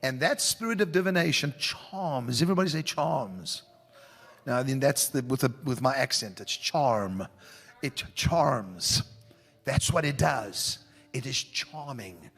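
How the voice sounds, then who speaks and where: A man's voice: mid-range voice, animated, normal speed, creaky, husky. A man preaching a fervent prophetic sermon, calling out to the congregation. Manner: fervent, rising to shouts, talks to the audience. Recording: long hall reverb with faint music.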